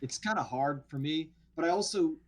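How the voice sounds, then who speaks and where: The speaker, a man with a fairly high voice at a moderate pace, is an actor from around New Orleans. On a casual podcast as a guest, he storytells in an animated way and often begins sentences again.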